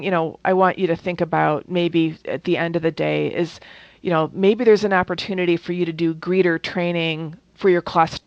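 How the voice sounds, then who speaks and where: A woman's voice: low voice, no room sound. Lady running a workshop, lots of um and you know, dull dry recording. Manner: conversational, many fillers and restarts. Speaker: workshop trainer. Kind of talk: training presentation.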